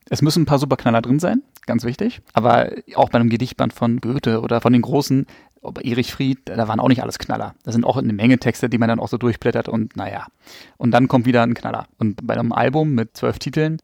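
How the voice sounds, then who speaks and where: A man's voice: mid-range voice, gravelly, darkish tone, no echo, clean studio sound. A man, a poet, talking about his work in a podcast interview, thoughtful and loose with fillers. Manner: fast, thoughtful, lots of fillers. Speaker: poet guest. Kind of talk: casual interview.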